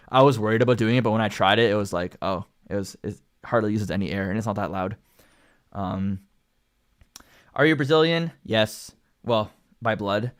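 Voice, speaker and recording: A young Canadian man with a lowish, smooth voice talks at a normal speed, leaving long pauses as he rambles through a casual livestream. A singer and channel host, he chats about his own vocal progress, his speech packed with "likes" and "ums."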